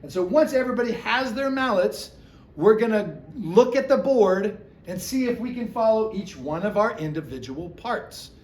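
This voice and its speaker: A man's voice: high-pitched, lively intonation, moderate pace. A man, a music teacher, giving a recorded lesson to a class of children, chanting rhythm syllables to show each part and encouraging them. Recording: echoey room with faint ambience.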